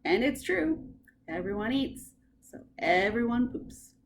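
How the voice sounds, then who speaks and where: A woman librarian reading bedtime stories aloud with expressive, animated storytelling. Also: a little high, slow pace.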